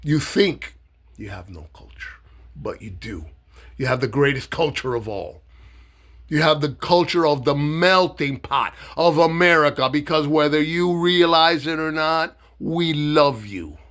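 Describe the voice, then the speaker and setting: A man from Miami giving a blunt, mocking, swear-heavy political rant to camera, loose and halting with fillers when he explains himself. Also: fairly high pitch, animated, a bit bright. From Miami, Florida. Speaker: political satire vlogger. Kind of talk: profane political rant and monologue.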